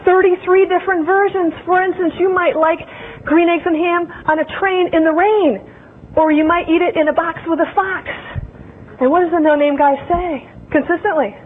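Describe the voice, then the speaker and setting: A woman motivational speaker giving a keynote talk to a live audience, animated and playful, talking straight to the crowd. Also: very high voice. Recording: tinny phone-like recording with faint noise.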